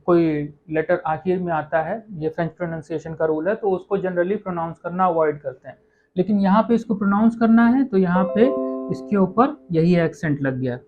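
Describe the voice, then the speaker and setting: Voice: medium pitch, phone-quality sound. A teacher giving an online lesson on French pronunciation, speaking patiently, often saying "okay" and correcting small slips.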